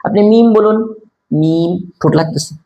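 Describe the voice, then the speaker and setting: A man teaching a step-by-step lesson, repeating key answers slowly, asking quiz questions aloud and demonstrating sounds himself. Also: high voice, warm tone, echoey room. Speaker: Quran recitation teacher.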